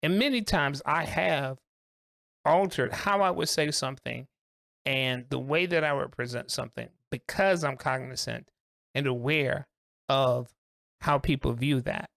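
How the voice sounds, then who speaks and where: A man co-hosting a podcast discussion, talking earnestly and reflectively in deliberate, emphatic phrases. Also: mid-range voice, creaky, fairly bright tone, no room sound, clean studio sound. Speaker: co-host.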